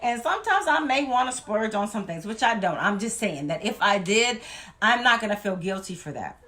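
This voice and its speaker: A woman's voice: medium pitch, big pitch swings, moderate pace, pushed and bright. A woman from Louisiana, giving an emphatic, folksy motivational talk as a weight-loss vlogger.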